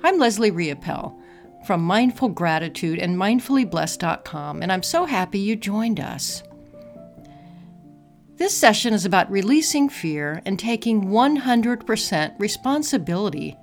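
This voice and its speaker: Slow, soothing woman guiding meditation over music. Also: mid-range voice. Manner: soft, calm, soothing delivery. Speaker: meditation guide. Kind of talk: guided meditation narration.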